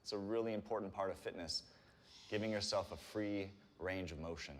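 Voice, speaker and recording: A man giving calm, encouraging step-by-step instruction as he leads a guided stretching workout. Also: low-pitched, a little fast, a little hiss or hum. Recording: reverberant room with long echo.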